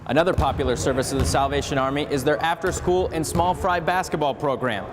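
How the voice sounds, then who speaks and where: Male TV reporter, higher-pitched, scripted delivery, long reverb. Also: fast talker. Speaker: TV news reporter. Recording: noisy, very reverberant room.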